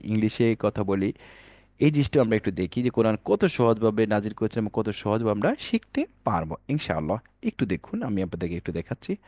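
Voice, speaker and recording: A man's voice: on the low side, a little mellow, dry recording. A man teaching an online Quran reading lesson, addressing viewers as dear brothers and sisters, mixing English words into his speech and calling out letters for them to repeat.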